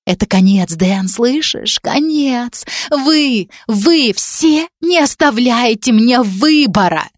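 A woman reading a story, voicing a jealous, hysterical young female student who shouts accusations through tears. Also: high voice, expressive, normal speed, dry recording, clean studio sound, voice pushed up. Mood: bitter. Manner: screaming, sobbing accusations. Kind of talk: audiobook character reading.

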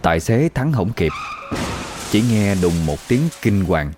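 A man's voice: sits low, lively intonation, a little slow, over music. A man with a Southern Vietnamese accent narrating a ghost story in a vivid, colloquial way.

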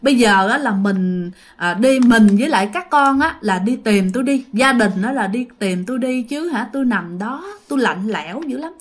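Woman doing a grieving old man's ghost, pleading and mournful, told in a storybook ghost tale, slightly high voice. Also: lively intonation, moderate pace, hardly any pauses.

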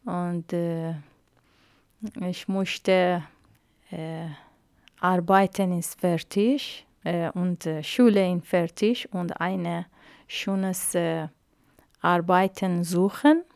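A woman, whose first languages are Arabic and Persian, answers radio interview questions in a very slow, halting way. Her voice is somewhat low, smooth and clear. The recording is dry and close. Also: steady tone, darkish tone, dry recording. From Iran. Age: 50s. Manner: halting, hesitant learner's speech with many fillers. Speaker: interview guest.

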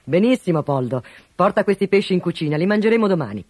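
Narrator putting on a jolly duke, loud and welcoming, bouncy voice. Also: medium pitch, expressive, fast talker, no room sound, natural voice. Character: cheerful male duke, hearty and kind. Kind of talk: storybook reading.

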